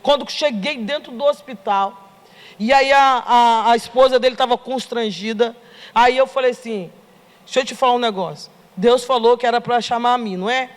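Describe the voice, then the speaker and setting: A middle-aged Brazilian woman giving a lively testimony to a congregation, acting out the dialogue as she tells the story. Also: on the high side, normal speed. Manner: animated storytelling, acts out dialogue. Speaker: church member giving testimony. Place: church hall. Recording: long reverb of a church hall.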